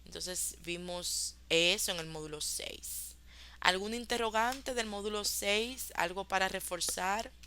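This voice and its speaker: Woman teacher, clear bright tone, patient review of course modules. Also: mid-range voice, slight background noise. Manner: explains in Spanish, slowly models English examples. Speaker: English teacher. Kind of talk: online class review.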